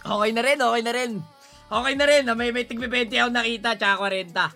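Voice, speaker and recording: Excitable high bright-voiced male streamer. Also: fast talker, creaky, faint music behind. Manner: excitable, pleads and shouts at the game. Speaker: gaming streamer. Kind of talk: casual gaming commentary.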